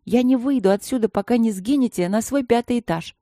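A woman's voice: on the high side, a little fast, warm tone, no room sound, clean studio sound, voice pushed up, close to an everyday voice. A woman voicing a stubborn, sulky young female student in an audiobook, speaking in an indignant, pouting way.

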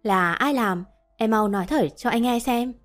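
A woman voicing a devoted young husband in a spoken story, speaking softly and earnestly. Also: on the high side, moderate pace, faint music behind, close to an everyday voice. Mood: stern. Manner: tender, then stern when worried.

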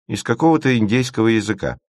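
A man's voice: lowish voice, animated, dry recording, studio quality, voice pushed up, close to an everyday voice. Man doing a perky, teasing young girl. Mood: playful. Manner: bright, teasing, rapid-fire offers. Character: quick-witted young girl, playful word-inventor.

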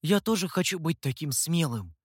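A man's voice: a little high, expressive, moderate pace, slightly rough, no echo. A man voicing a timid, curious young rabbit who asks eager questions, read dry and close. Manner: eager and wondering.

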